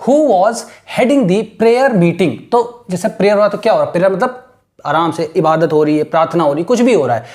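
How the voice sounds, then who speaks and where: Male tutor, Hindi explainer, reads English phrases slowly, self-answering questions, frequent check-ins. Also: high-pitched, lively intonation, a little mellow. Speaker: teacher.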